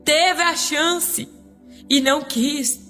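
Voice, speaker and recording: A stern, solemn Jesus, as a woman preacher puts him on in a lowered voice, speaking slowly and gravely. The tone stays bright and clear, with faint music underneath. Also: fairly even intonation, full character voice. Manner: slow, grave pronouncements. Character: solemn adult male Jesus, stern and calm.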